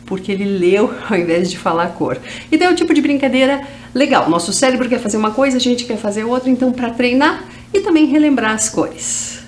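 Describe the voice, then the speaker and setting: A woman teaching English to schoolchildren on educational TV, with a Brazilian Portuguese accent, saying model phrases slowly for the class to repeat. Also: on the high side, animated, a little hiss or hum. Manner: slow, drawn-out model phrases for repetition.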